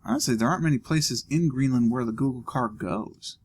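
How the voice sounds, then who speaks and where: A let's play host muses and jokes aloud while playing a geography guessing game, in a casual commentary style. His mid-range voice moves a little fast and has a breathy edge.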